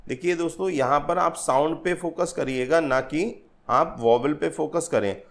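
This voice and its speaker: A man teaching literary terms for an exam, explaining slowly in a mix of Hindi and English and often calling his viewers friends. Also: on the high side, vocal fry. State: tired from late nights. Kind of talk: exam-prep literature lesson.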